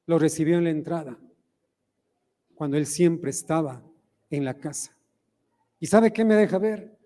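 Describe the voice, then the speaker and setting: A man's voice: a little high, a little slow, warm tone, big-room sound. A male pastor with an Ecuadorian accent, preaching a sermon in church and putting questions to the congregation. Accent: Ecuadorian Spanish. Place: church sanctuary.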